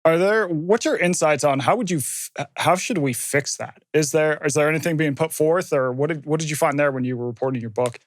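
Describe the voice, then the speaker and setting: A man's voice: fairly high pitch, fairly quick, few pauses, no echo, studio quality. A man hosting a podcast, asking curious questions with frequent restarts. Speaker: podcast host. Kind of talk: podcast interview.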